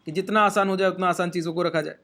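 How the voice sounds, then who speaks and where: Bright, high-voiced man teaching trading. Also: steady tone, very fast. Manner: explains step by step, often checks in with listeners. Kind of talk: screen-share trading lesson.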